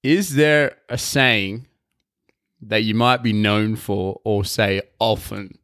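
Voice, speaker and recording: A man's voice: fairly low pitch, slow, fairly bright tone, clear, resonant tone, no echo. A young man co-hosting a casual podcast, easygoing and joking with dry quips. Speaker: podcast co-host. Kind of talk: casual chat.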